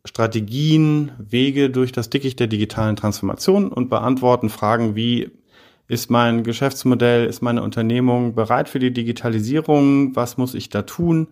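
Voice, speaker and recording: A middle-aged man from Heidelberg speaks as a podcast guest, with a voice of ordinary pitch for a man. He talks in a measured, thoughtful way and often pauses on fillers while he gathers his thoughts. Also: a little mellow. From Heidelberg, Germany. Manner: measured, hesitant with frequent fillers. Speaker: podcast guest, business consultant. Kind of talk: podcast interview.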